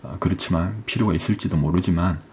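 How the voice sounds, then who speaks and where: A male English teacher, his voice sitting low, explains an exam passage step by step against a noisy background. He reads English phrases slowly and often asks "right?"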